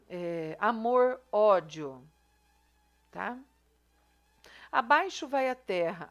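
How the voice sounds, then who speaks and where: A woman teacher explaining a review lesson in a chatty way, often checking in with her students. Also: medium pitch. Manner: chatty, explaining step by step with frequent "tá?" and "né?". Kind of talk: recorded class review lesson.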